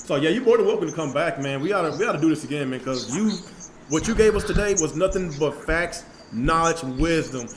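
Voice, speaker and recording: A man in his thirties hosting a casual online panel, talking in a relaxed, friendly way and often closing lines with "man". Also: on the high side, fairly quick, slight background noise. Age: 30s. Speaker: host.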